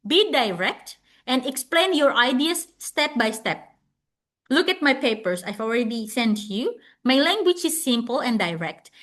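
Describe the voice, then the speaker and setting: Indonesian woman lecturer, high voice, non-native English, patient step-by-step explaining with restarts. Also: a bit bright. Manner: explanatory, repeats words and restarts. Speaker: webinar speaker. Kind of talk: online lecture.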